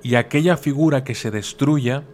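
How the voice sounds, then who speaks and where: A man's voice: medium pitch, normal speed, a little mellow, slight background noise, pitched above the performer's own voice, lightly acted. A man voicing a proud king in a folk legend, in a plain, commanding storyteller's voice. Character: proud, then desperate, male king.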